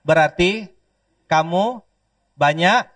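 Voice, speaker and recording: A man's voice: high voice, takes it slowly, fairly bright tone, no echo. Joking male preacher from Pontianak. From Pontianak, Indonesia. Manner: joking, call-and-response with the crowd. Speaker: Islamic preacher. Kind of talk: lively sermon to an audience. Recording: dry, distant mic.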